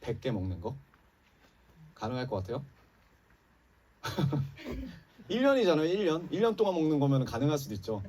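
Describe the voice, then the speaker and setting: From across the church sanctuary, a recording picks up a pastor's Sunday sermon in a husky, slightly mellow, high-leaning voice. Very animated at a moderate pace, he leaves long pauses while preaching passionately to the congregation, his emphasis rising and falling.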